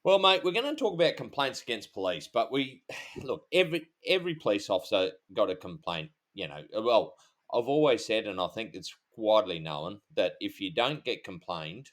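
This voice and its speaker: A middle-aged man with an Australian accent and a fairly low voice. He co-hosts a podcast in casual chat, speaking in an informal, blokey way full of matey slang. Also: a bit bright. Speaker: podcast co-host.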